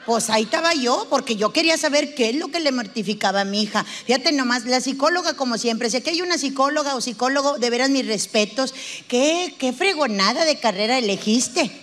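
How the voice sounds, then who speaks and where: A woman's voice: sits high, animated, fairly quick, a bit bright. A Mexican woman doing a chatty, slangy stand-up bit, acting out both sides of a therapy session. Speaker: comedian. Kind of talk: stand-up comedy monologue.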